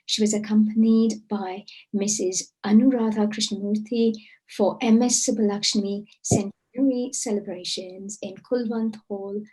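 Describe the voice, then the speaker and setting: A woman's voice: mid-range voice, steady tone, measured pace, warm tone, breathy edge, rough recording. A woman hosting an event and reading out formal introductions of performers. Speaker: event host.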